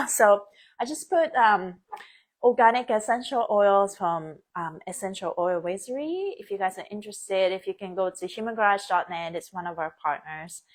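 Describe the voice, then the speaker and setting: A woman's voice: mid-range voice, lively intonation, normal speed, bright, forceful tone. A woman born and raised in Japan, hosting a casual live stream, chatty with frequent laughs and many fillers. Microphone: phone or webcam, live stream.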